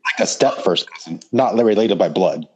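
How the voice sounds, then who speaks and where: A man's voice: low-pitched, lively intonation, moderate pace, lo-fi sound, slight background noise. A man co-hosting a casual chat who teases his friend with dry comebacks. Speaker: podcast co-host.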